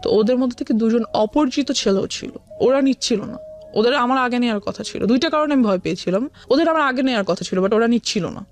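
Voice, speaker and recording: With a fairly high, slightly mellow voice, a young Bangladeshi-accented woman opens up about her life as a guest. She code-switches frequently between Bengali and English in this confessional account, with music running beneath the recording.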